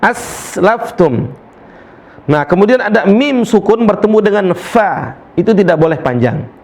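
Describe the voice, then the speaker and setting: A man's voice: high-pitched, lively intonation, vocal fry, darkish tone. A man teaching Quran recitation in a tajwid lesson. He chants verses, drills letter sounds over and over, and corrects students. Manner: demonstrates letter sounds slowly and repeatedly, then corrects students; switches between explaining and chanting verses.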